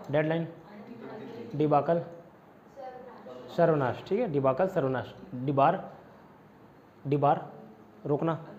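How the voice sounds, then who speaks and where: A man's voice: fairly high pitch, darkish tone, highs cut off, a little hiss or hum. A man from India teaching vocabulary in an online exam-prep lesson, repeating each word and its meaning over and over. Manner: repetitive drilling, mixing Hindi and English.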